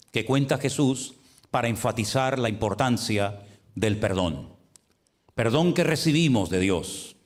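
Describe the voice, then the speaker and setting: A male pastor with a Spain Spanish accent preaching a sermon, lively and direct, with frequent rhetorical questions to the congregation. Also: medium pitch.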